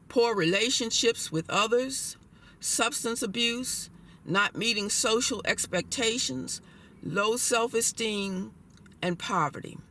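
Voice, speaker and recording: A man reading a scripted personal commentary aloud in a deliberate, formal manner. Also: high-pitched, sharp tone, a little hiss or hum. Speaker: commentator giving a personal perspective. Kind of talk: scripted spoken essay, read aloud.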